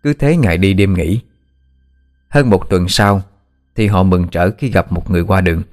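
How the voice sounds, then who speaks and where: A man narrating a ghost story in a measured, steady way. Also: low-pitched. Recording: faint background music.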